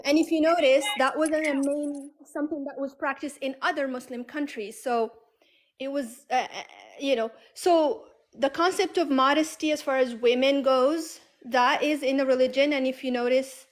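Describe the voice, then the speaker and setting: A woman from Morocco, a guest on a live video stream, explaining patiently with many fillers over a video call. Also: sits high. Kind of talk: casual live-stream conversation.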